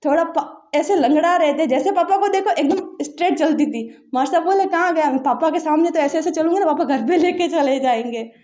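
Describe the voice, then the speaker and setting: High, mellow-voiced young woman storyteller. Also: fairly quick, hardly any pauses. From Barmer, Rajasthan, India. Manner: earnest, acts out family dialogue as she recounts. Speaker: interviewee. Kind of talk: casual personal storytelling.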